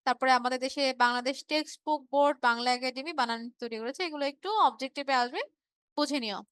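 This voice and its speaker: A woman's voice: high voice, fast, a bit bright, clear, resonant tone, dry recording. A woman teacher from Bangladesh giving an online revision class, explaining patiently, repeating key words and checking in with her students.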